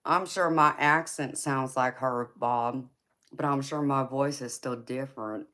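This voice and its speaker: A tarot reader with a Southern US accent hosts a casual livestream, reading viewer comments, answering chat by name, laughing often and calling people "baby." Her voice is a bass, sharp in tone, fairly even in intonation and measured in pace.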